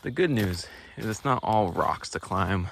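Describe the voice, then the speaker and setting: A man's voice: lowish voice, expressive, vocal fry, a bit bright, a little hiss or hum. A man narrating casually while hiking a wooded mountain trail, a little out of breath, talking into a handheld phone. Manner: chatty, unhurried, with fillers. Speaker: hiker filming his walk.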